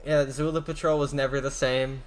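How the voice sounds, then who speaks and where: A man's voice: mid-range voice, little pitch movement, brisk. A man co-hosting a casual podcast, playful and jokey, chiming in with quips. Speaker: podcast co-host. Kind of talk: casual chat.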